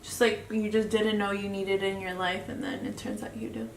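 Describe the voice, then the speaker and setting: Talking fairly quickly with a medium-pitched, level voice, a woman with a Mexican accent walks through her makeup tutorial in a casual way, sentences frequently left unfinished. The distant mic picks up an echoey room and faint hiss.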